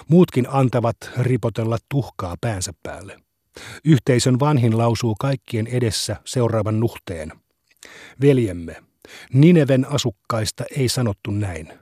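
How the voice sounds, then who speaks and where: Male reader, solemn measured recitation of scripture, dry studio sound. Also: mid-range voice, a little mellow, no room sound. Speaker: reader of religious texts. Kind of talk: scripted reading of translated scripture.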